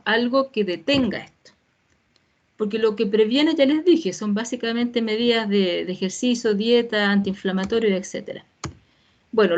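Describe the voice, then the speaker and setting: Brief: woman physician, fairly high voice, informal lecture, dull lo-fi video-call audio. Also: a little mellow. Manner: explanatory, casual asides and tag checks. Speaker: physician giving a patient talk.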